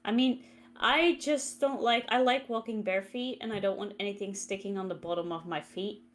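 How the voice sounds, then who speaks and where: A woman's voice: mid-range voice, normal speed. A woman co-hosting a casual live stream chat, speaking at an easy pace and sometimes searching for words. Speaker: stream co-host.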